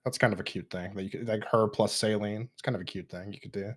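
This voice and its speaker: A man co-hosting a casual gaming podcast, joking and asking lots of questions, recorded at a low level. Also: fast talker. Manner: animated, joking, asks questions. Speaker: podcast co-host. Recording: quiet low-level audio.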